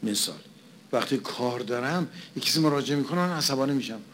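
Guy preaching a sermon in a chatty way, middle pitch, keeps repeating himself for emphasis. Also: animated, fairly bright tone, a little hiss or hum. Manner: poses and answers his own rhetorical questions. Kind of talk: conversational sermon.

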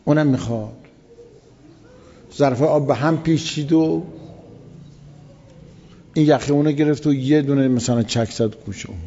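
A man with a medium-pitched, dark voice preaches, pausing often as he retells an old story in casual speech. It's a colloquial religious storytelling lecture, vivid and full of emphatic repetition, caught on a dull lo-fi recording with long hall reverb.

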